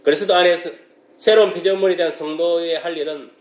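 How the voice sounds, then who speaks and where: A man's voice: a little high, steady tone, fast talker. A man preaching a sermon, emphatic and asking the congregation rhetorical questions again and again. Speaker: pastor. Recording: echoey room.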